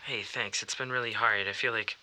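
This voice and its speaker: A woman voicing an awkward, defensive man heard over a speakerphone call, in a low put-on voice. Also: fairly even intonation, fairly quick, crowd noise. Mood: guarded.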